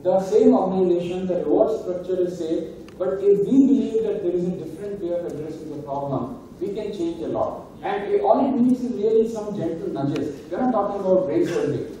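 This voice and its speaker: A man's voice: high voice, brisk, dark tone, slight background noise. A man giving a conversational conference keynote, often ending points with "right?". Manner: conversational, emphatic, frequent "right?" tags. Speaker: keynote speaker. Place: large conference hall. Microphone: handheld mic, recorded from far camera. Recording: echoey hall, distant and muffled.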